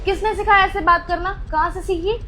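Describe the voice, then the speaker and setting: A woman playing a very high-voiced young mother. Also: steady tone, fairly quick, slight background noise. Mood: scolding. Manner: scolds loudly, then speaks softly and gently. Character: scolding young mother of a seven-year-old girl. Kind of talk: family drama skit.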